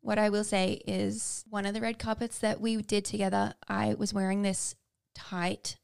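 A woman's voice: medium pitch, little pitch movement, moderate pace, creaky, clean tone. A young woman co-hosting a podcast, candidly telling personal stories in casual chat. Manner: candid, personal storytelling with fillers. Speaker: podcast co-host.

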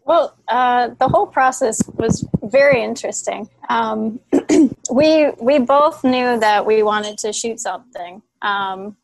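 A woman's voice: on the high side, slow, creaky, low-quality recording. Thoughtful woman on a video call. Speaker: co-writer and producer. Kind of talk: interview answer.

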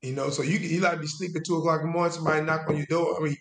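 A man, a guest telling his story in a loose, halting way with restarts and trailing phrases. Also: fairly high pitch, fairly even intonation, fairly bright tone, slight background noise. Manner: casual Southern US speech, drawn-out and halting with restarts. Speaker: interview guest, veteran. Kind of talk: conversational storytelling. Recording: roomy echo.

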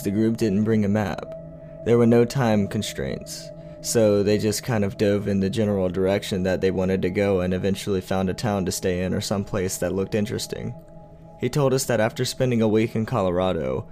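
Man, low voice, first-person horror story narration, measured pace of telling, faint music underneath. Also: mellow. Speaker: podcast narrator.

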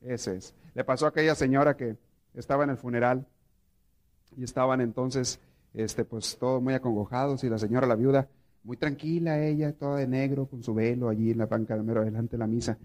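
A man's voice: mid-range voice, a little fast. A man, a priest, teaching a prayer course to a live group, telling stories and asking his listeners questions. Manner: animated storytelling, asks the audience questions.

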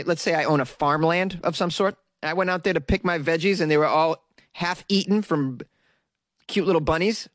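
A man with a fairly high, slightly bright voice hosts a solo news commentary, casually reading stories and interrupting himself with sarcastic, rambling jokes for his audience. There's no echo, and the studio sound is clean.

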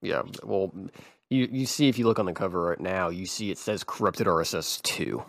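A man hosting a podcast, rambling and halting in mock-serious grief. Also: low voice, vocal fry, a bit bright, no room sound, clean studio sound. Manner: rambling, halting, feigned grief breaking into laughter. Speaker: podcast host.

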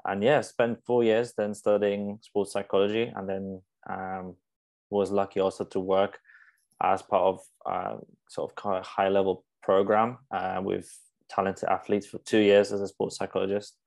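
A young Polish man, a native speaker, appears as a sports psychologist guest in a casual podcast interview. His deep, mellow voice has vocal fry, little pitch movement, and a moderate pace, and he's thoughtful and hesitant, with many fillers and restarts.

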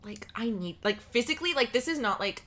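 Animated bright-voiced woman chatting. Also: on the high side, a little fast. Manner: animated, giggly, lots of fillers. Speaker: podcast co-host. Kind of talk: casual chat.

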